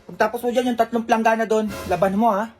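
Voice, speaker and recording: A woman's voice: a little high, fairly even intonation, quick pace. Woman, comedy skits, many characters, roomy room, music underneath. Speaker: comedy sketch performer.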